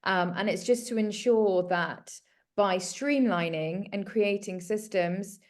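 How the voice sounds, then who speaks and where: A guest on the show, a home organiser from South Africa in her thirties, discusses her work and her story casually but earnestly. She talks slowly in a mid-range voice.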